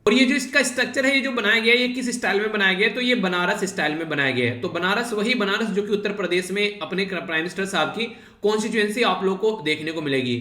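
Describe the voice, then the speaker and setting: Bright-voiced male exam tutor, echoey. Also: sits high, fast talker. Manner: conversational, repeats "ठीक है" and "basically" often; addresses students directly, gives homework. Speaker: exam-prep teacher. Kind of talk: current affairs lecture.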